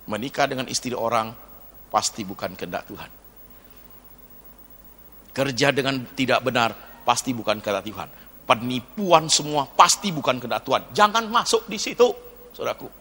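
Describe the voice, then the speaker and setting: A man preaching a sermon as pastor, animated, swinging from quiet asides to loud exhortations. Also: medium pitch, moderate pace, long pauses. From Indonesia. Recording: long hall reverb.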